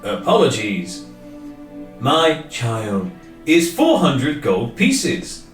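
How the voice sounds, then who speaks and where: A man's voice: mid-range voice, wildly swooping pitch, extremely slow, heavily acted. A man voicing a formal, literal-minded talking magic tower with stiff, careful phrasing, recorded with a roomy echo from a distance over faint music. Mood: matter-of-fact.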